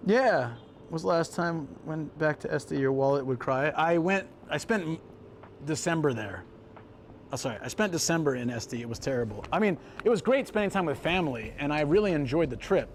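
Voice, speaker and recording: Animated man livestreaming, fairly high voice. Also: moderate pace, a little hiss or hum. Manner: animated, exclamatory, repeats phrases for emphasis. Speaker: livestream host. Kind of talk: casual live chat to viewers. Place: outdoors by street vending machines in a city.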